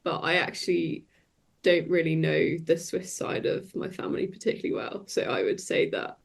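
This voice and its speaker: A woman from England, a podcast guest, speaking in a reflective, even way. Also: sits low, moderate pace, creaky. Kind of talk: casual chat.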